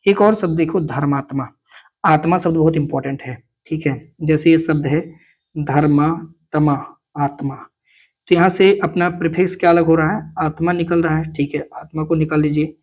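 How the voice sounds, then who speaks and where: A slightly high-voiced man teaching a Hindi grammar class for an exam. He works through examples step by step in a friendly, easygoing way. He keeps checking in with his students and calls them by familiar words. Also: steady tone, fairly quick, darkish tone, breathy edge. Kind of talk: exam coaching lesson.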